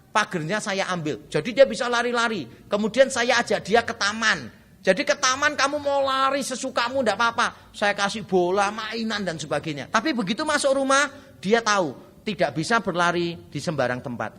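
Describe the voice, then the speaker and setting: A pastor giving a parenting seminar, speaking with a light tinge in a chatty, humorous way and often addressing the audience directly. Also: male voice, high-pitched, sharp tone.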